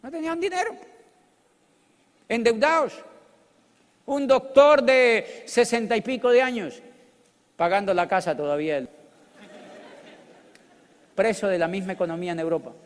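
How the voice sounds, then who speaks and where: Middle-aged Colombian man, high-pitched, animated, joking motivational speaker in a reverberant hall. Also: moderate pace, pauses often. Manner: animated, joking, bursts into loud exclamations. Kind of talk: storytelling business talk.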